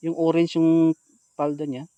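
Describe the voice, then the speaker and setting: Breathless man hunting ghosts on a mountain, jumpy vlog host, hushed one moment and shouting the next. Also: a little high, unhurried, clean tone, dry recording, dull audio. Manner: excitable, swings between hushed talk and alarmed shouts. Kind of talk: casual vlog narration. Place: outdoors on a mountain at night.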